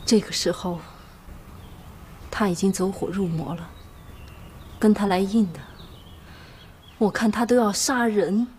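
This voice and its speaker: A woman's voice: medium pitch, steady tone, unhurried, long pauses, a little mellow, slight background noise, close to an everyday voice. A woman playing a shrewd motherly wife. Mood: scheming. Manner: soothing, scheming. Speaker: official's wife, godmother. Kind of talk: TV drama acting.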